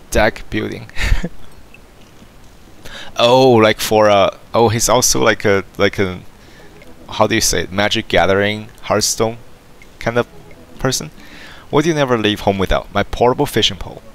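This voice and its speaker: Low-voiced man reading a game aloud. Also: gravelly, slight background noise. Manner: reads game text aloud with stumbles and laughs. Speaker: let's play gamer. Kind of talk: casual reading of a dating game.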